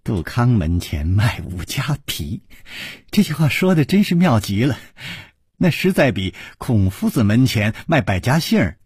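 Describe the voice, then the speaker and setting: A man's voice: mid-range voice, very animated, normal speed, a little mellow, breathy edge, no echo, clean studio sound. A man voicing a charming, witty young lady in radio storytelling, gracious and playful.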